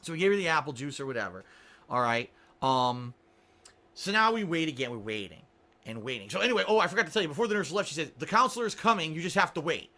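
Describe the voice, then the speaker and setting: Exasperated man ranting a story, lively pitch. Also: fast. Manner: exasperated, sarcastic, swears, acts out quoted people. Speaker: vlogger. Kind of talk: angry storytelling rant.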